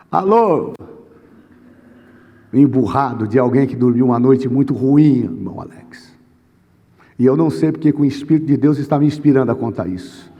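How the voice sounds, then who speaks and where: A man's voice: mid-range voice, highs cut off. A Brazilian man preaching as a pastor, telling a story dramatically and acting out the dialogue. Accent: Brazilian Portuguese. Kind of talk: sermon storytelling. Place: church. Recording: long reverb in a church hall.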